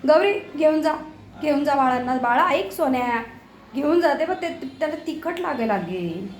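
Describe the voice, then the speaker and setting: A woman's voice: sits high, expressive, moderate pace, echoey room, slight background noise. A woman talking to her pets in a home kitchen, scolding them fondly in exasperated baby talk. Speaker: pet owner filming her cats. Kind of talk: casual home video chatter to pets.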